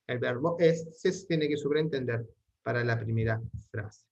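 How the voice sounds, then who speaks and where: A male teacher talks through a Latin lesson at an average pitch. He explains grammar patiently and reads example sentences aloud at an unhurried pace. The recording sounds a little dull and lo-fi. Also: creaky. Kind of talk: online language lesson.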